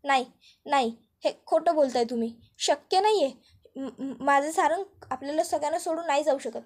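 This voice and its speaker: A woman's voice: sits high, brisk, darkish tone, lightly acted. A woman doing a scheming young wife faking sympathy. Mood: fake wailing. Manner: falsely soothing.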